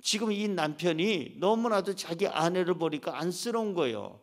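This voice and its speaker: Middle-aged guy pastor preaching in church, pretty high voice, really animated, does little voices for people. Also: moderate pace. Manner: animated preaching, acts out voices of God and grumbling husbands. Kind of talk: sermon. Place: church sanctuary.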